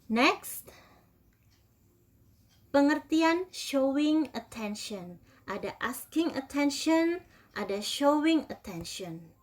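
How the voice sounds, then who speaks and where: Woman, English teacher, slightly high pitch, unhurried, careful drill-style delivery. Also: expressive. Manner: slow, careful drill-style reading with repeat-after-me prompts. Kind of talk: recorded online English lesson.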